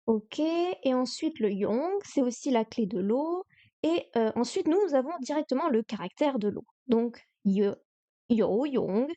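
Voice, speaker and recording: A streamer studying Chinese live thinks aloud. She repeats vocabulary again and again and counts her pen strokes under her breath in chatty self-talk. Her voice is fairly high and warm, her pace slow and unhurried, and the audio comes through muffled and lo-fi like a basic stream setup.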